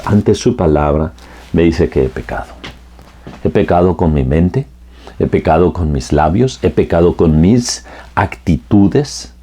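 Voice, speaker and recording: Low husky-voiced preacher man. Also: dark tone. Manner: earnest, addresses listener directly as friend; repetitive preaching cadence. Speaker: pastor. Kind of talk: sermon.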